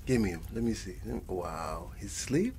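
Speaking softly in an ASMR roleplay, a man takes on the role of a doting old grandfather with a Latin American Spanish accent, telling a bedtime story, rambling, and repeating endearments as he alternates between Spanish and English. His voice sits low and is very animated at a normal speed, with a tender feel. The background is noisy.

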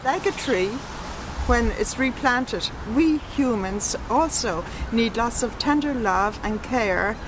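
A woman's voice: on the high side, animated, slow pace, noisy background. An older woman speaking reflectively in a documentary interview. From Ireland.

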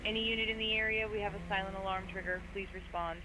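A woman's voice: medium pitch, fairly even intonation, loud music behind the voice, poor audio. Woman dispatching over police radio. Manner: brisk, clipped radio codes.

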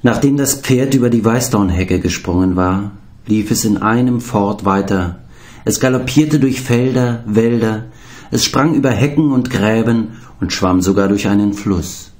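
Man reading a children's story, low voice, unhurried and calm. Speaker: audiobook narrator. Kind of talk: children's audiobook narration.

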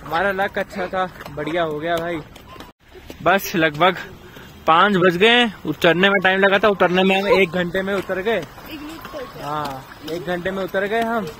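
A young man chats with his viewers as he vlogs on a mountain trail, filming handheld and calling them brother, bhai. His high, sharp voice keeps a measured pace over a little hiss or hum.

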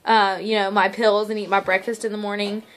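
Bright-voiced young woman vlogger. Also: medium pitch, level tone, a little fast. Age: young adult. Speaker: vlogger giving daily fitness updates. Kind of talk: casual chat to camera. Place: living room at home, on a couch. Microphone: camera or phone at arm's length. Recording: noisy home phone-style recording, clicks. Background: noise, small child playing nearby.

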